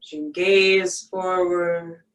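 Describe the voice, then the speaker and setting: A meditation guide speaking in a soothing yoga-teacher manner, leaving long pauses between short, gentle phrases. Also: mid-range voice, flat delivery. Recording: echoey room, distant from mic.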